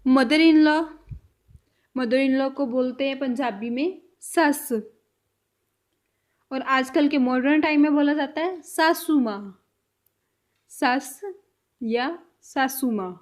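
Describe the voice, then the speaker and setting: A high-pitched woman gives a vocabulary lesson at an unhurried pace. She says each word, repeats it, and lets her voice drop and fade at the end of a phrase. She sounds patient and instructional. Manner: repeats each word slowly, trailing off softly. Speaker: language teacher.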